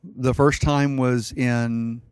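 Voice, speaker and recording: A man's voice: medium pitch, level tone, extremely slow, darkish tone, clean tone, no room sound, clean studio sound. A man in his sixties, a guest on an interview show, telling stories from his past in a plain, matter-of-fact way. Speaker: podcast guest, real estate investor. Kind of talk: casual interview storytelling.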